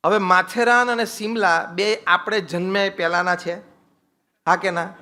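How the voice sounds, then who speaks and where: High, bright-voiced Gujarati spiritual speaker. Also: male voice, moderate pace. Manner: animated, teasing, acts out little household dialogues; mixes English phrases into his speech. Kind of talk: motivational seminar talk.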